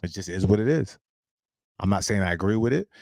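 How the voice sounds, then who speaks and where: A man in his thirties talks straight to his live-stream audience with a gravelly, fry-laden voice, recorded close and dry. He is blunt and emphatic and swears freely, like a preacher of street-level life advice. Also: deep voice, lively intonation, a little fast, darkish tone, no echo. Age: 30s.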